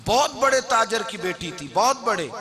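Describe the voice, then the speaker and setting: A man's voice: sits high, expressive, normal speed, a crowd in the background. A man preaching a religious sermon with Arabic recitation, talking emphatically and climbing to raised oratorical peaks.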